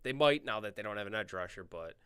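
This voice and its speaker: A man's voice: on the low side, expressive, fast talker, a bit bright, smooth. A man on a sports podcast giving confident, stats-heavy breakdowns in a casual style.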